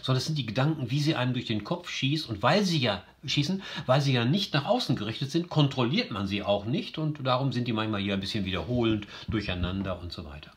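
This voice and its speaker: A man explaining a short story as a teacher, in a mid-pitched voice. He reads a passage, then stops to pick it apart, thinking aloud with frequent fillers and restarts. His tone stays plain and instructive. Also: expressive, fast talker, few pauses. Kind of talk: explaining a literary text with read-aloud passages.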